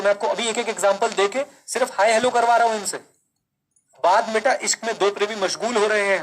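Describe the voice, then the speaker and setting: A male teacher giving a live online class, speaking slowly and deliberately, repeating key lines, quizzing students and mixing Hindi with English. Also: high-pitched, low-quality recording. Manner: mixes Hindi and English, calls students kids.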